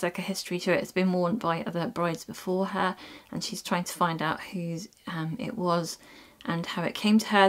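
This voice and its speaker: A woman talking casually about books she has read, with frequent ums and restarts. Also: fairly low pitch. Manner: chatty, many ums and restarts. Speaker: book reviewer. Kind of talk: casual book review vlog.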